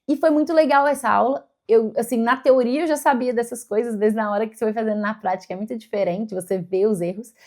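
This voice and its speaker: Brazilian woman, bit high voice, chatty vlog, working things out out loud. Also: fairly even intonation, quick pace, hardly any pauses. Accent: Brazilian Portuguese. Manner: thinking aloud, explaining step by step. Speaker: vlogger learning English. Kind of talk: casual talk to camera.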